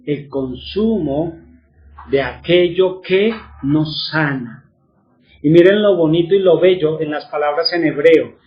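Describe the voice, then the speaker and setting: Male religious teacher, high voice, lo-fi sound, asks questions and answers them himself. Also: slow.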